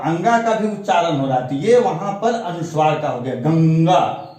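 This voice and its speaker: Male teacher, high lively voice, very echoey room, distant mic, explains step by step. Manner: repeats examples slowly and explains step by step. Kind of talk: classroom grammar lesson.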